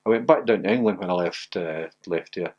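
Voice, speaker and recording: Older ex-footballer, husky, animated anecdotes, laughs a lot. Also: male voice, brisk, muffled recording. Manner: laughing anecdotal, gets loud and high when excited. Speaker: former footballer interviewee. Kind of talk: animated storytelling.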